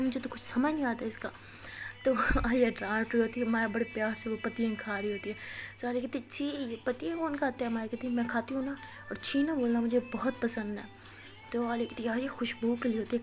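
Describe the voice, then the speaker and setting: Woman retelling a love story. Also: a little high. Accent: Pakistani Urdu. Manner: retells scenes in quoted dialogue, rising loud for angry lines. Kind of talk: casual spoken storytelling.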